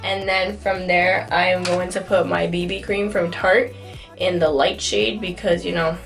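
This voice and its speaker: A young woman with a hoarse, sick-sounding voice, chatting loosely and jokingly as she walks through a makeup tutorial at home. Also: on the low side, flat delivery, unhurried, a bit bright, soft background music. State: hoarse from a cold. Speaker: beauty vlogger. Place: indoors at home in winter.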